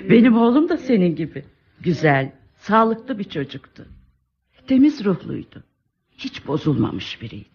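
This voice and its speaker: A woman's voice: mid-range voice, very animated, moderate pace, slightly rough. An actress playing a lonely, doting elderly mother in a radio drama, speaking in a motherly, coaxing, insistent way. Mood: earnest, coaxing. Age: older. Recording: muffled radio play, music behind.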